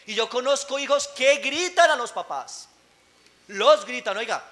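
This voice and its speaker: High, bright-voiced preacher. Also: male voice, animated, unhurried. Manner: emphatic, rising to shouts on key words; asks the congregation rhetorical questions. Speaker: pastor. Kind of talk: sermon. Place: church service, recorded live.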